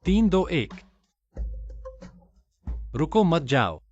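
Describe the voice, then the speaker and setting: Brief: a pompous male CEO who orders people around, lively swings in his voice, muffled dub. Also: a little high, very slow, soft background music, exaggerated voice. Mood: demanding. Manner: pompous, demanding. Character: arrogant bossy male company CEO. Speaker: company boss. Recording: dull dubbed audio.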